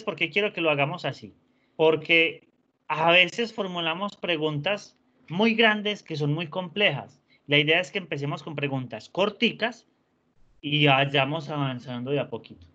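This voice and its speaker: A man teaching an online class, patient and encouraging, often softening words with diminutives. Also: fairly high pitch. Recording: dull lo-fi sound.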